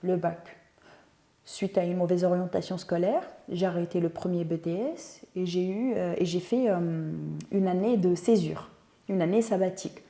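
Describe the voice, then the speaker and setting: A woman's voice: fairly low pitch, fairly even intonation, normal speed, dark tone. A woman, a guest telling her story in a casual interview, thoughtful and searching for words. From Tunisia. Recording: roomy echo.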